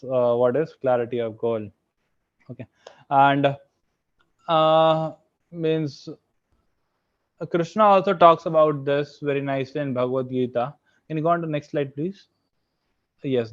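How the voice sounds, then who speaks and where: Through a muffled recording comes a young man's mid-range voice with an Indian accent. A software engineer appearing as a guest speaker, he gives an online lecture with slides, constantly filling his sentences with "okay" and "means" and asking the audience questions.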